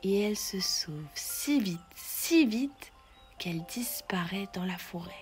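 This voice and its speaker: A woman narrating a children's bedtime story in a soft, half-whispered, gentle voice. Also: medium pitch, expressive, takes it slowly. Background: faint music.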